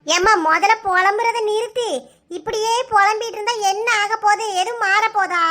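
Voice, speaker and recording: Cartoon daughter, Kanyakumari Tamil accent, argumentative, quick comebacks, very high. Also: female voice, fairly even intonation, pushed and bright. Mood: arguing. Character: outspoken young married daughter, modern-minded.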